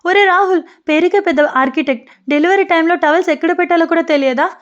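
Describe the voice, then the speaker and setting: Fierce young woman in labor, high-pitched and commanding, voiced by a female narrator in an audio story. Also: drawn-out words, dull audio. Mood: furious. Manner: yelling, commanding.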